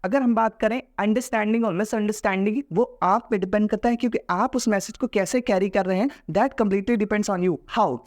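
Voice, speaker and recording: A man's voice: sits high, moderate pace, hardly any pauses. A man with an Indian accent teaching a lesson in a casual, explanatory way, mixing Hindi and English. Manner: explanatory, mixes Hindi and English, acts out example voices.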